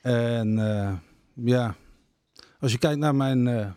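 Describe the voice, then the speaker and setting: Hesitant fifty-something man, dark voice. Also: mid-range voice, slow, smooth, no echo, clean studio sound. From Netherlands, Groningen. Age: 50s. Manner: hesitant, many fillers. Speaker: deacon, radio guest. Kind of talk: casual radio interview.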